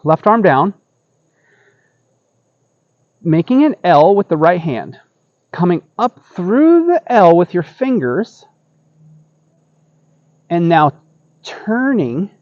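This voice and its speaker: A middle-aged man teaches tai chi step by step in a slightly high voice, taking his time. He explains casually and keeps checking in, in a dry, slightly muffled outdoor recording. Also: a little mellow, dry recording. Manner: explanatory, often checks in with "okay?". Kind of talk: casual step-by-step exercise instruction. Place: outdoor wooden deck by trees.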